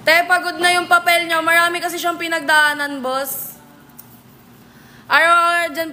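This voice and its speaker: Very high-voiced woman bantering on a live stream. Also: flat delivery, sharp tone, a little hiss or hum. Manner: playful, teasing banter with quick comebacks. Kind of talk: casual live-stream chat, answering viewer comments. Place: billiards venue.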